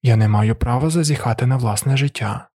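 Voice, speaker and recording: A man voicing a quiet, obedient male servant in his thirties, who speaks softly in formal, measured words, in an audiobook. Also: medium pitch, slightly rough, no echo, clean studio sound, lightly acted. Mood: calm.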